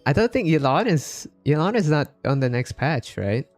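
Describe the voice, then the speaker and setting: Game music plays as a Filipino man livestreams and chats casually with his viewers. His fairly high voice swings widely in pitch at a normal pace, and the recording is dry.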